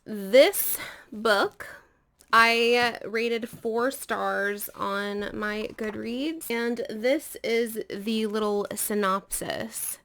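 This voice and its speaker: A woman's voice: a little high, steady tone, very slow, a bit bright. A woman casually chatting about books for her video channel, rambling a little with frequent fillers. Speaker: book vlogger. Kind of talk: casual book chat.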